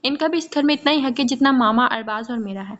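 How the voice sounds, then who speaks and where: A woman's voice: high voice, fairly bright tone. A woman voicing a young adult son who stands firm against his parents in a muffled lo-fi recording. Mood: accusing. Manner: firm, insistent.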